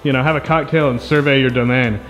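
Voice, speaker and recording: A man behind the camera making relaxed, dry asides during a casual home tour. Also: mid-range voice, fast talker, over loud music, rough recording. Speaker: camera operator, co-host.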